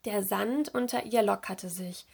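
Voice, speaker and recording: A woman hosting a library's children's afternoon, reading a children's story aloud in a calm, clear way. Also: medium pitch, measured pace.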